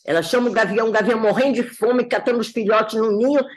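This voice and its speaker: Animated woman pastor teaching. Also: a little high, fast. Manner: animated, acts out quoted voices in a folksy tale. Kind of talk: sermon lesson with storytelling. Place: church classroom.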